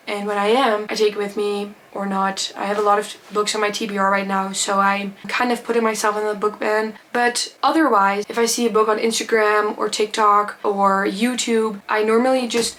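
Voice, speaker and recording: Speaking at normal speed with few pauses, this teenage book vlogger, a native Dutch speaker from the Netherlands or Flanders, answers questions to camera in a chatty, gushing way full of fillers. Her medium-pitched voice is flat and a bit bright, over slight background noise.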